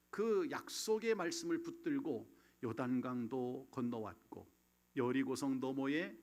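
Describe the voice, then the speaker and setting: A man preaching a sermon as pastor, telling a story in a measured, earnest way with frequent filler sounds. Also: mid-range voice. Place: church sanctuary.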